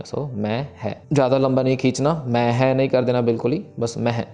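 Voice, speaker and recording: A man teaching careful pronunciation of scripture, patiently explaining and reciting each verse slowly. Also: mid-range voice, warm tone. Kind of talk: recitation lesson.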